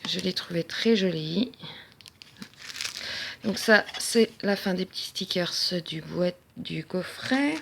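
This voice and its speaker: A crafting vlogger at home chats casually while showing off her craft-supply haul, often hesitating with fillers. Her voice sits on the low side and sounds animated and creaky, moving at a slow pace over some background noise.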